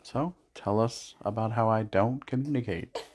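A man's voice: lowish voice, normal speed, husky. A man co-hosting a casual podcast chat with his partner, sarcastic and swearing casually. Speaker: podcast co-host.

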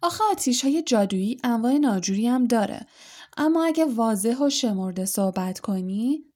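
A woman's voice: a little high, lively intonation, mellow. A woman reading aloud, voicing a doting, anxious middle-aged witch and mother who fusses and bosses. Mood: fussing, worried.

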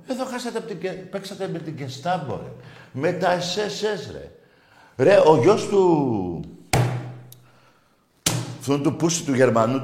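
Mocking sports talk host, lively voice. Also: male voice, mid-range voice. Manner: mocking, provocative, swears freely. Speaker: call-in sports show host. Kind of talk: sports radio rant. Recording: roomy echo.

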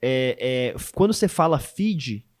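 A man hosting a casual interview, curious and animated, often stumbling and restarting questions. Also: mid-range voice, measured pace. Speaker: podcast host.

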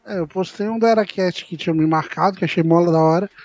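A man's voice: high-pitched, fast, a little mellow, dry recording, dull audio, faint music behind. A man co-hosting a casual podcast from a remote mic, talking in a scattered, self-mocking way. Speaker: podcast co-host. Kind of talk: casual chat. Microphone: remote mic with the signal fading.

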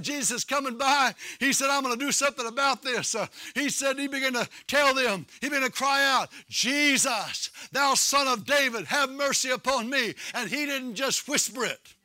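A man preaching a sermon, impassioned and shouting at the peaks in a sing-song preaching cadence. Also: very high-pitched, normal speed, no room sound, studio quality.

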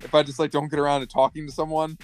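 A man's voice: a little high, level tone, very fast, a little mellow. A young man co-hosting a podcast in casual chat, rambling and filling every sentence with "like". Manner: rambling, heavy use of "like", acts out party voices. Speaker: podcast co-host.

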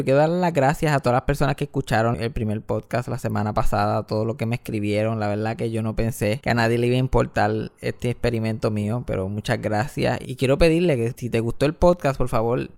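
A young man, a comedian hosting a casual podcast from his apartment, telling stories with a lively manner and slipping English words into his talk. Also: mid-range voice, vocal fry.

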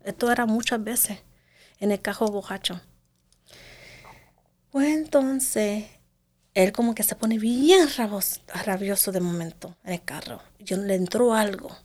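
This voice is a woman giving an emotional testimony in an interview. She talks fast, piling one detail on the next, and her voice often falls to a near whisper. Her pitch sits in the middle range. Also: darkish tone. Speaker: interview guest.

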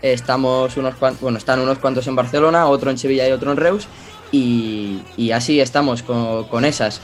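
A man's voice: mid-range voice, steady tone, fairly quick, faint music behind. A man hosting a casual podcast over a video call, greeting his co-hosts and teasing them. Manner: jokey, teasing. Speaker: podcast host.

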